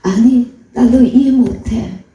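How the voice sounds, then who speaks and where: A woman's voice: on the high side, slow pace, dark tone, distant mic. A woman voicing the Lord, who sternly rebukes and questions a believer. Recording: echoey hall, voice off-mic.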